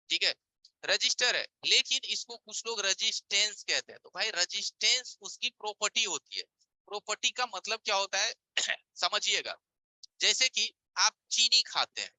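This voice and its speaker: Man teaching with a very bright voice. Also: sits high, no echo, rough recording. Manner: explains with everyday examples and asks rhetorical check-in questions. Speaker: mobile repair teacher. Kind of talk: live online class. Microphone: voice-over on a screen-share stream.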